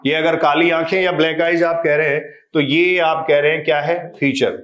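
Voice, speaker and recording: Male biology tutor, high and animated, quizzing style, echoey room. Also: moderate pace. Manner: animated, quizzes students with rhetorical questions. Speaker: biology teacher. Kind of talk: exam revision lecture.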